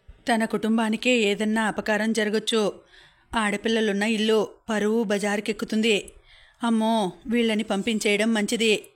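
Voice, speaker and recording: A woman narrating an audiobook novel in a steady, even storytelling manner. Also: on the high side.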